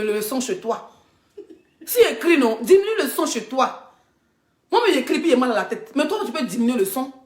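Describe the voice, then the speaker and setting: A woman blogger in a live social media rant, loud and mocking, often laughing as she talks. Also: high voice, roomy sound. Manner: mocking, loud, laughing through her talk. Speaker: blogger and influencer.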